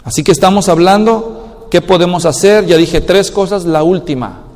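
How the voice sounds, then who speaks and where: A male pastor preaching a sermon in an animated way, acting out quoted people as he goes, recorded in a church hall with a long echo. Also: high-pitched, moderate pace. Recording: long reverb of a large hall.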